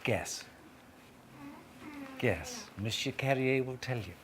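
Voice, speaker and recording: A man's voice: medium pitch, slow. A man hosting a live children's event, explaining things in formal, wordy, articulate phrases. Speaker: event host. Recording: noisy live room.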